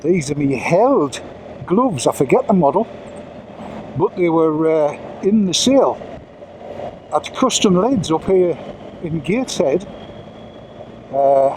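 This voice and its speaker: Bloke chatting on his motorbike, slightly high voice, faint road and engine noise behind. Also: a little mellow, low-quality recording. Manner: rambling, chatty, self-mocking asides. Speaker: motorcycle vlogger. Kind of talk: casual chat while riding. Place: outdoors riding a motorcycle on roads.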